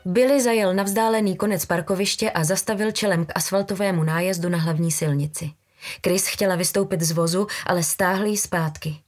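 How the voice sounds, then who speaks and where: A woman reading a novel aloud as an audiobook narrator, in a steady dramatic telling. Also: lowish voice, faint music behind. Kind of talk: scripted narration.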